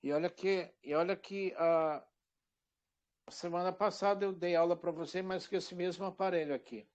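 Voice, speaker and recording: A man teaching an online Hebrew class on a microphone, patient and repeating words slowly while pointing things out. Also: sits high, steady tone, darkish tone, dull audio.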